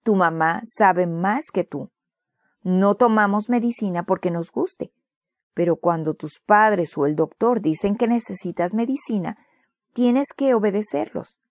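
A woman voicing a calm, firm father who speaks in a slow, measured way. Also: medium pitch, no echo, clean studio sound, natural voice.

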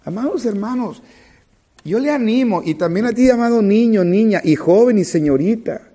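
A high-voiced man preaches in Spanish as a pastor at a normal speed, addressing his congregation directly. His animated sermon swings between loud, fervent passages and low, quiet ones, and he acts out small scenes as he goes.

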